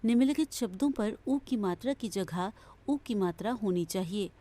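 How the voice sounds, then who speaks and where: A woman teacher narrating a scripted lesson for children, reading out word pairs one at a time in a measured way. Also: medium pitch, expressive, dark tone.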